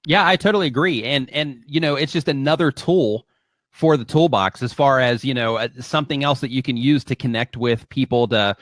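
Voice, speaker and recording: A man co-hosting a talk show, speaking haltingly and repeating words. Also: medium pitch, a bit bright, no echo, clean studio sound.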